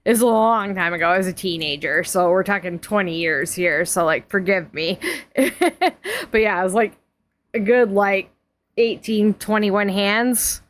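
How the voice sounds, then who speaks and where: A woman in her forties chats casually with her stream audience, rambling loosely, piling on fillers, restarting often and laughing easily. Her voice is mid-range and her pace moderate.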